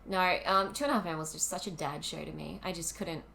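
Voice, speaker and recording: A woman's voice: lowish voice, a little fast, vocal fry, a crowd in the background. Chatty Australian woman co-hosting a podcast. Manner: chatty, laughs often, lots of ums. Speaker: podcast co-host. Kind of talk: casual chat. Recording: roomy with faint ambient noise.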